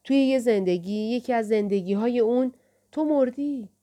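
A woman's voice: on the high side, dark tone, close to an everyday voice. A firm, patient old librarian, read by a woman narrator. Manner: firm, reasoning.

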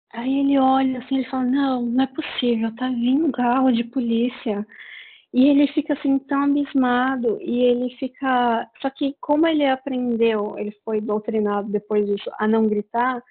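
A woman's voice: on the high side, slightly rough. A woman with a Brazilian Portuguese accent, casually retelling a book's plot in a rambling way with many fillers. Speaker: book reviewer. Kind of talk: casual book review chat. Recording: tinny phone-like sound.

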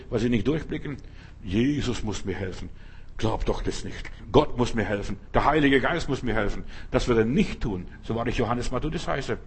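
A male preacher delivers a sermon with a husky, slightly breathy voice at an ordinary middle pitch. He speaks in short, emphatic phrases, repeating his points and often asking the listener a direct question. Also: a little mellow.

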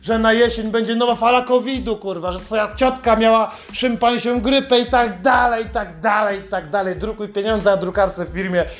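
High-voiced man ranting with sarcastic profanity. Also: fairly even intonation, normal speed, hardly any pauses. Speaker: podcast host. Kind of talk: satirical comedic monologue.

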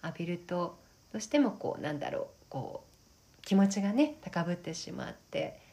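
A woman co-hosting a casual wellness podcast, speaking gently and haltingly, often checking for agreement. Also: lowish voice, big pitch swings. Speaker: podcast co-host. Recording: noticeable background noise.

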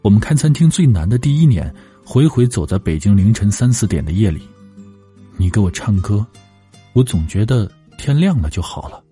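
Breathy, heartfelt male storyteller. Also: on the low side, very animated, normal speed, mellow, faint music behind. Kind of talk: emotional storytelling narration.

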